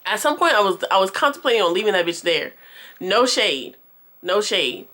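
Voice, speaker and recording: Casting: young woman, storytime vlogger, brash and cursing, chatty and animated, mid pitch. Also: moderate pace. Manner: profane, animated, talks straight to viewers. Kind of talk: casual storytime.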